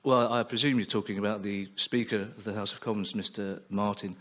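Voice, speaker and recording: A man on a comedy panel, telling anecdotes in a deadpan way. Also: on the low side, a little fast. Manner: deadpan storytelling. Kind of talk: comic anecdotes. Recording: background noise.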